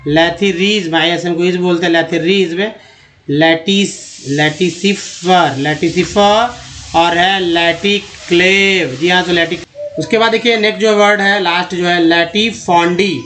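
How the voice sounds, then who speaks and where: Slow-spelling Hindi-speaking English tutor, man. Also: high voice, steady tone, pushed and bright, slight background noise. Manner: slow, drawn-out spelling and sounding of words; repeats vowel sounds and addresses viewers as friends. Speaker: English teacher. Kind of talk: Hindi-language phonics lesson.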